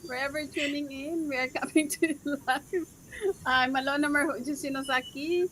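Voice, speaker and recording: A woman's voice: high-pitched, fairly even intonation, moderate pace, a bit bright, slight background noise. A middle-aged woman giving a cheerful, laughing introduction on a casual live chat. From Philippines. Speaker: guest speaker.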